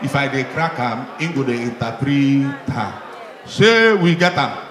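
A man with a Nigerian Igbo accent doing stand-up comedy on a live stage, animated, slipping into mocking voices for his characters. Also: medium pitch, measured pace, crowd noise. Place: live stage with audience in a hall. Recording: echoey hall, audience noise. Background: audience laughter.

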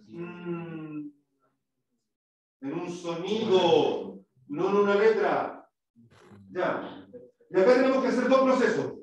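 Guy teaching english, quizzing the class and sounding out words, high-ish voice, big classroom echo. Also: a little mellow. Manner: explains step by step, quizzes students, demonstrates sounds. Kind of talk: classroom lesson. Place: school classroom. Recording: echoey classroom, mic far off.

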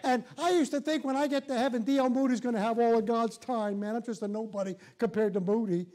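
An older man preaches in a high, mellow voice. His delivery is folksy and animated, full of joking asides and questions tossed out to the congregation. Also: fast. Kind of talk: church sermon. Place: church sanctuary, in front of a small congregation.

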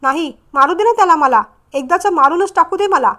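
A woman's voice: extremely high pitch, animated, a little fast, bright, forceful tone, pitched above the performer's own voice, exaggerated voice. A woman voicing a hurt, despairing young bride who speaks bitterly through tears. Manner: bitter, tearful.

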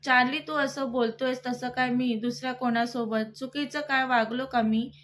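A woman reading the lines of a young husband, quick-tempered but tender, who talks in an earnest, lightly teasing way. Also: sits high, steady tone, fairly bright tone.

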